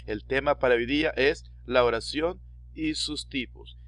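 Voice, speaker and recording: A male teacher with an Ecuadorian Spanish accent, giving a recorded distance-school language lesson, explaining slowly, repeating key terms and asking rhetorical questions. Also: medium pitch, a bit bright.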